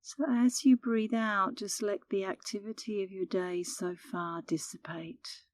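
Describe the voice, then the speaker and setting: A middle-aged woman guides a meditation as an instructor, speaking calmly, soothingly, and without hurry, close to the microphone. Her voice is medium-pitched, and there is no room sound.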